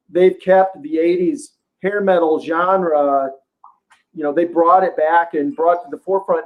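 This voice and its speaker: A man's voice: fairly high pitch, a little mellow, poor audio. A man guest in a casual podcast interview, talking about music in a friendly, enthusiastic way. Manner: enthusiastic, friendly rock fan.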